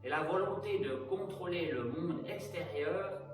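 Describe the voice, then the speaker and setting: A high-pitched man leads an aikido warm-up, calmly talking students through each breath and movement. He is heard from a distance in a very echoey room, with faint music in the background. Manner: calm, measured cues for breathing and movement. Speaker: aikido instructor. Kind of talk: guided exercise instruction.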